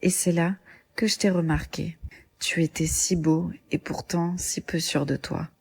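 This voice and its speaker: A woman voicing an obsessive young woman who calmly vows to keep a man for herself. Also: on the low side, measured pace, gravelly, breathy edge, pitched below the performer's own voice, full character voice.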